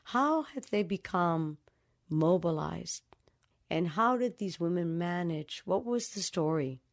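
A woman's voice: on the low side, animated, slow pace. A woman from the Dominican Republic, a novelist giving reflective, storytelling answers in an interview. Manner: thoughtful, acts out remembered dialogue.

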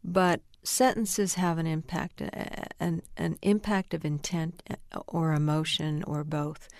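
Gravelly, low-voiced woman novelist, reflective. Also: a little mellow, no room sound, studio quality. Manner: reflective, thoughtful. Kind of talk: interview conversation.

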